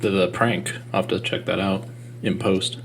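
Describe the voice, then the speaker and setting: A man's voice: sits low, fairly even intonation, normal speed, vocal fry, slight background noise. A man as a talk show guest, speaking in a dry, wry way with some hesitation. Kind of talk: casual chat.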